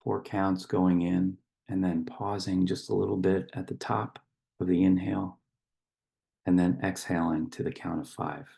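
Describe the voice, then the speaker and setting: This meditation guide and poetry reader is a man with a low-pitched, husky, gravelly, mellow voice. He speaks flatly in slow, measured phrases with long pauses.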